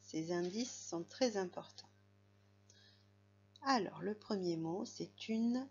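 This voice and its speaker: A woman's voice: mid-range voice, darkish tone, dull audio, a little hiss or hum. A woman teaching a young child to read, patiently spelling out letters and sounds. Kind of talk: reading lesson for a young child.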